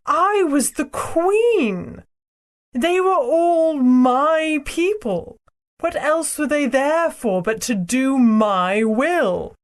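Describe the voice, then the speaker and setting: A woman voicing a proud, cruel ancient queen and sorceress in an audiobook, speaking in a slow, imperious, theatrical way. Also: sits high, animated, full character voice. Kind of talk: audiobook character reading.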